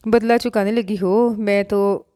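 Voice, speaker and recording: Lively teasing young woman, as a woman reads her. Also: medium pitch, measured pace, clean tone, no room sound, clean studio sound, lightly acted. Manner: bantering and teasing. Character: lively, confident young sister-in-law.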